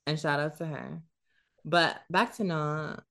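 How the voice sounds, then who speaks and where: Woman, low deep voice, podcast co-host, casual gossip chat, blunt, profane, emphatic. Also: fairly even intonation, slow, vocal fry, fairly bright tone.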